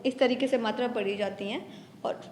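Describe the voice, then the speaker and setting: A woman teaching a grade-one grammar lesson, talking to children and slowly spelling out syllables, stretching the long vowels. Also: fairly high pitch, darkish tone, in a large hall. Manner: addresses children directly, patient explaining tone.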